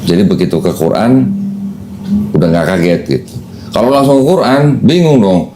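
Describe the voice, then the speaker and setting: A man's voice: low-pitched, big pitch swings, normal speed, noisy background. A man hosting a casual podcast chat, patiently explaining things step by step to a new convert. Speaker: host explaining Islam to a convert.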